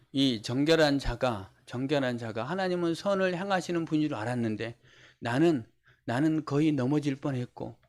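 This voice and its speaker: A male pastor preaching a sermon, explaining scripture line by line and repeating key phrases for emphasis. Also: on the high side. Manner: acts out mocking voices of unbelievers.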